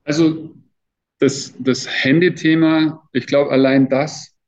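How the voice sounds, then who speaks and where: A slightly high, darkish voice with a level tone and slow pace comes from a trainer in his fifties being interviewed. He talks casually and colloquially, with emphasis, in a dull, lo-fi recording.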